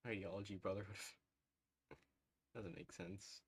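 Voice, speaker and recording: A man's voice: low voice, fairly even intonation, takes it slowly, breathy edge, no echo. A man streaming live over a headset mic, thinking aloud and reacting to a game with frequent "ooh"s and little laughs as he talks to his chat. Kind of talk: live gameplay commentary, talking to chat.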